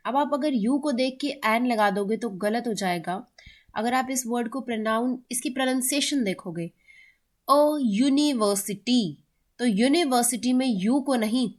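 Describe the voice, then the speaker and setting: A woman teaching English grammar in a mix of Hindi and English, who often checks in with her students and slows down to read examples aloud. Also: fairly high pitch. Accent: Indian English. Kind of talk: explaining grammar in a classroom-style lesson.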